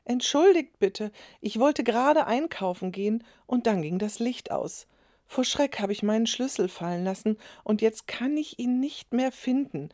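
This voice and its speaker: A woman's voice: a little high, lively intonation, normal speed, a little mellow, no room sound, studio quality, voice pushed up, close to an everyday voice. Woman reading as a flustered old neighbor lady. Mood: apologetic. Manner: polite, a little flustered. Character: elderly female neighbor, polite and apologetic. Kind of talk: storybook reading.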